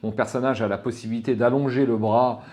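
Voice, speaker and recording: A man's voice: mid-range voice, steady tone, fast talker, a little mellow. A man hosting his channel, giving a casual spoken review with lots of fillers and restarts, frank and opinionated, muttering curses when he loses his thread. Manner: hesitant, many fillers and restarts, swears under breath when stuck. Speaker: channel host reviewing a gamebook.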